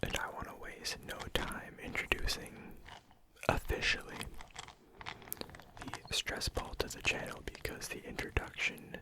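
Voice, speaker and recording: Toneless breathy whisper, ASMR host, slow hushed delivery, close and soft. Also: rough recording. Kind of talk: ASMR whispering while tapping objects.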